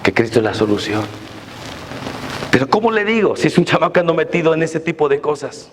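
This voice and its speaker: A pastor in his forties delivers an intense sermon in a high, gravelly voice that climbs into shouts. The sound is long and echoey, as in a hall, with faint noise behind him. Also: animated, a little fast. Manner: intense preaching, rising to shouts.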